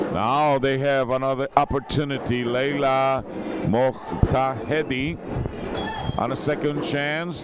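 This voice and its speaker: A man calling live indoor soccer play-by-play, excitable, with drawn-out, repeated goal calls. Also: medium pitch. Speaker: play-by-play sports commentator. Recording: loud music and venue noise behind.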